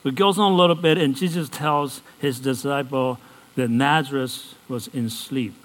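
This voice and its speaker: A man's voice: medium pitch, steady tone, normal speed, poor audio. A man preaching a sermon. He keeps asking the congregation questions and acts out Bible characters in casual modern speech.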